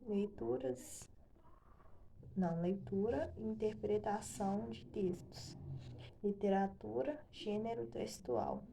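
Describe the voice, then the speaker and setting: Slow, halting Brazilian woman teaching. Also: medium pitch, creaky, warm tone, slight background noise, rough recording. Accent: Brazilian Portuguese. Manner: slow, halting, many fillers and self-corrections. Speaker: writing teacher. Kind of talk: casual online lesson.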